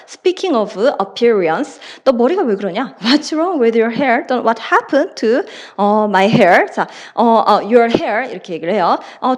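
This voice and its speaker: A woman's voice: fairly high pitch, darkish tone. A woman with a Korean accent teaching an English lesson, explaining step by step and acting out short dialogue lines. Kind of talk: recorded classroom lecture.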